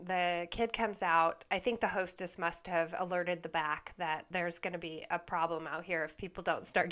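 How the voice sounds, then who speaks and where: A woman's voice: on the low side, a bit bright. A woman vlogger telling a personal story in a candid, self-deprecating way, laughing at herself. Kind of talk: storytime monologue.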